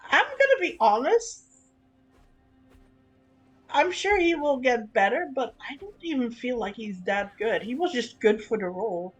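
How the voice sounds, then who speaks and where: A woman's voice: on the high side, big pitch swings, unhurried, husky, soft background music, low-quality recording. A woman streamer chatting frankly and casually while she plays, swearing now and then and often restarting her sentences. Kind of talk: casual live-stream chat while gaming.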